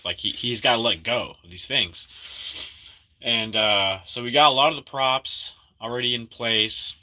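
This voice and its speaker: A man with an American accent and a very bright, forceful voice at an average pitch. He chats casually to livestream viewers in laid-back, upbeat slang, often saying the same short phrase several times in a row. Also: unhurried, rough recording. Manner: repeats short catchphrases over and over. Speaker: livestream host.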